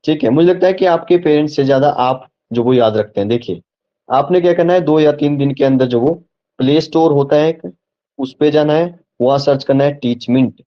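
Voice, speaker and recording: A man's voice: on the high side, a little fast. Guy tutor on a live online class, patient, keeps checking yes or no, slightly dull audio. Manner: patient, repeats and checks understanding.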